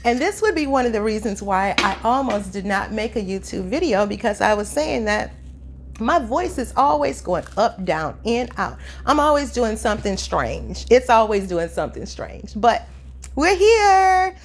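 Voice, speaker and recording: A woman in her fifties telling a casual story to viewers, chatty and animated, her throat sore as she gets over the flu. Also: a little high, moderate pace, slight background noise. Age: 50s. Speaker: vlogger. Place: home room by a window, construction outside.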